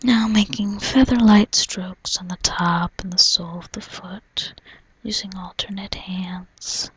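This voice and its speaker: A woman doing a whispered role-play as a spa massage therapist, in a soft, soothing, breathy whisper, narrating gently. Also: medium pitch, fairly even intonation, a little slow, dry recording, poor audio. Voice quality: breathy, mostly unvoiced whisper. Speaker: reflexologist giving a foot massage.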